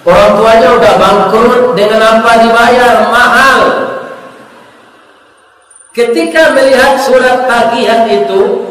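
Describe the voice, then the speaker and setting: A middle-aged man preaching to a mosque congregation, his voice high and unhurried. He jokes with the listeners and then tells a moving story. It is recorded from far off in a big hall that echoes for a long time. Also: a bit bright.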